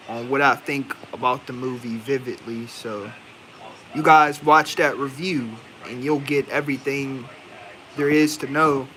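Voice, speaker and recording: Man, Indian accent, casual slangy reviewer, rambling, tense bright tone. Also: medium pitch, a little hiss or hum. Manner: rambling, slangy, thinking aloud with many fillers. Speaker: movie reviewer. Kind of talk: casual spoken movie review.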